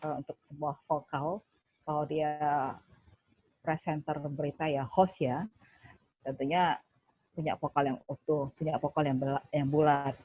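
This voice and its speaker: A woman TV news presenter explaining vocal training, with a measured broadcaster-like delivery. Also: sits low, level tone, dark tone, slightly rough, no echo, highs cut off. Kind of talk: workshop talk.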